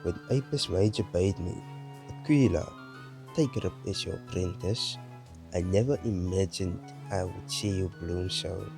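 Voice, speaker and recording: A man's voice: low-pitched, measured pace, creaky. A man reading as a solemn celestial mentor. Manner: solemn, formal reading of game dialogue. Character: wise older male celestial guardian mentor. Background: game music.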